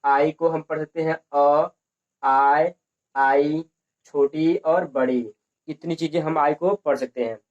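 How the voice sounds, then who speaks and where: A man teaches English pronunciation, pitched a little high. He keeps repeating his points and answers his own questions. The recording sounds dull and lo-fi. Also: fairly even intonation, unhurried, a little mellow.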